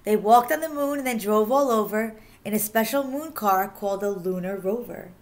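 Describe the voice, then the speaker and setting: In a mid-range voice and at a moderate pace, a woman teacher reads a rhyming children's picture book, animated and sing-song, emphasizing the key words.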